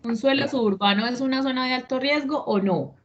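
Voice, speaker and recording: A woman's voice: sits high, brisk. Woman instructor, explanatory online class delivery; muffled call audio, light hiss. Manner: explanatory, checks understanding with questions. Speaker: instructor of a risk management course. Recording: dull lo-fi online call audio with faint noise.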